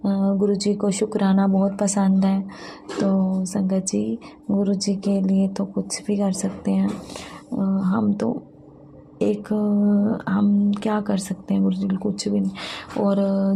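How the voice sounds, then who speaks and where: Gravelly, flat-voiced woman sharing faith testimony. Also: mid-range voice, a little hiss or hum. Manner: halting, many fillers and restarts. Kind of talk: devotional testimony talk.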